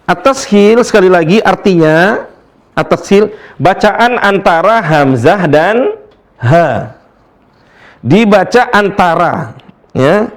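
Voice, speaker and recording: A man teaching a casual recitation lesson, explaining rules and then chanting verses slowly and drawn out. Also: high-pitched, animated.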